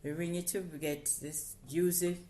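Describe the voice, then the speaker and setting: A woman's voice: fairly low pitch, level tone, unhurried, mellow, a little hiss or hum. An older woman with a Jamaican accent, chatting casually as her daughter's interview guest and explaining things step by step. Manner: explains step by step, laughs often. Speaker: interview guest, the host's mother. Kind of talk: casual chat.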